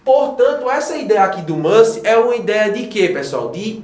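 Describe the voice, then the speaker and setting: Animated Brazilian man teaching a class. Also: sits high, moderate pace, reverberant. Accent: Brazilian Portuguese. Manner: animated, addresses students directly with frequent checks. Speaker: English teacher. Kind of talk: classroom lesson explaining grammar.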